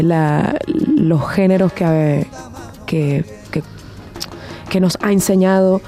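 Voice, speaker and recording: A woman with a Venezuelan accent, speaking thoughtfully in a casual interview, pausing and restarting as she searches for words. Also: on the low side, mellow. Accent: Venezuelan Spanish. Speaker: band member and guest.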